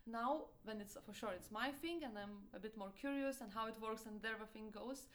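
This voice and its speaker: A young woman with a Lithuanian accent answers an interviewer's questions in English, her second language. She speaks in a slightly high register and hesitates often, filling gaps while she hunts for the right word. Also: a little fast, a bit bright. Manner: hesitant, searching for words, many fillers. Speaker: entrepreneur guest.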